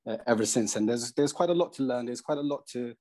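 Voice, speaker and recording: A young man from Eritrea, asking a question on a video call through earphones, hesitant and halting with many fillers. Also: medium pitch, a little mellow. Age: young adult. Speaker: audience member asking a question. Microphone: earphone mic.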